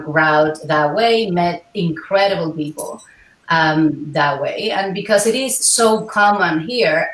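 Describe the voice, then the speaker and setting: In an interview conversation, this woman from Cuba, in her forties and working as both scientist and healer, talks with care and frequent hesitation. Her voice sits low with a bit of brightness, recorded far from the microphone in a room full of echo.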